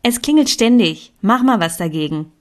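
A woman voicing a pushy, energetic young female friend who lectures and urges in a storybook reading. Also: mid-range voice, moderate pace, voice pushed up, close to an everyday voice.

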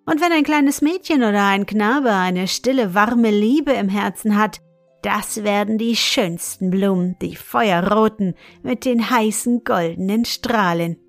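A woman voicing an evil old male wizard in a slowly read fairy tale, gloating and coaxing. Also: medium pitch, dry recording, soft background music, lightly acted.

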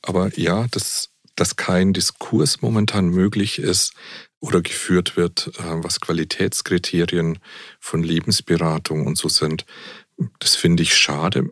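A man's voice: deep voice, steady tone, unhurried, fairly bright tone, dry recording, clean studio sound. A man who is a Jesuit priest, speaking as a guest in a frank, outspoken and thoughtful way, with occasional fillers. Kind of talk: reflective conversation.

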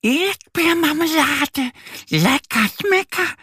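A man's voice: animated, slow pace, pushed and bright, no room sound, clean studio sound, heavily acted. A man voicing a cheerful little female duck in a children's story. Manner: squeaky, delighted.

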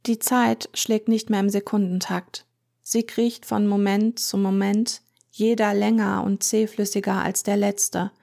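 Give me a woman narrating a tense first-person story with a gravelly, creaky edge. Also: mid-range voice, flat delivery, measured pace, a little mellow. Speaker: audiobook narrator.

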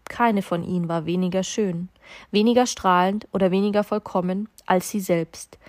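A woman narrating a storybook in a calm, measured and gently expressive way. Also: medium pitch, dry recording, clean studio sound. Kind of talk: storybook reading.

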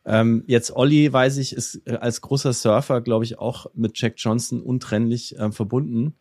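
A man in his forties hosting a podcast, asking questions and joking in a relaxed way. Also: medium pitch, moderate pace, dry recording, studio quality. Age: 40s. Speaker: podcast host. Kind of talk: casual chat.

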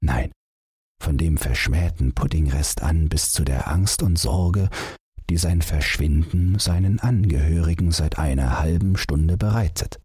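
Gender: man. Role: bedtime story reader. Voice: very deep and husky. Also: dry recording, clean studio sound. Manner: calm, expressive storytelling. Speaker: audiobook reader.

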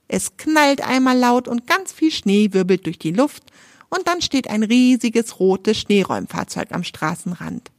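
A woman's voice: a little high, creaky, no room sound, studio quality. A woman from Germany, hosting a children's podcast, reading a story aloud and talking directly to the young listener in a friendly way.

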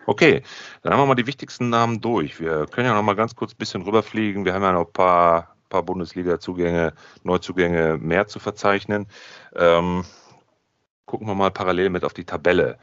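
A man's voice: low-pitched, brisk, fairly bright tone, dry recording. A man hosting a casual podcast chat, chatty and jokey, thinking aloud as he goes. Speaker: podcast host. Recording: dull lo-fi sound.

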